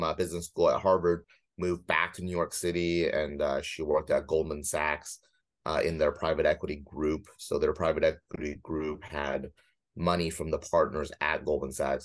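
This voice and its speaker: A man in his thirties, a guest and former corporate lawyer, recounts his career path in casual conversation. His voice is very low-pitched, and he tells his own story matter-of-factly with dry self-deprecation.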